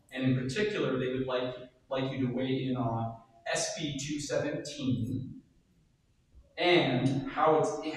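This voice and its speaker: A man moderates the forum, reading out questions in an informal, halting way. He sounds distant from the microphone, with heavy echo and faint noise behind him. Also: medium pitch. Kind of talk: moderating a panel. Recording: echoey hall from afar, faint noise.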